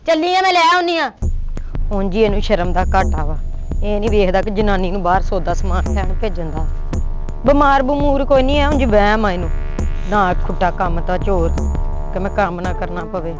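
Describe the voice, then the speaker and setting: A woman with a Punjabi accent acting a sharp-tongued, nagging wife in a comedy sketch. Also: medium pitch, lively intonation, normal speed, music in the background. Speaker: comic actor as a scolding wife.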